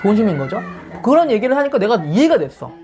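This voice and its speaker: A man's voice: high-pitched, fast, background noise. A man, a pastor, chatting casually and telling a story about his marriage, full of fillers. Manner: animated storytelling with frequent fillers. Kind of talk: casual chat.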